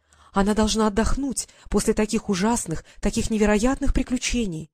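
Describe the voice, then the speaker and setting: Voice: mid-range voice, fairly quick, dry recording, studio quality, natural voice. A reader doing a sugary, controlling woman. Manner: sweet-voiced, then sharp.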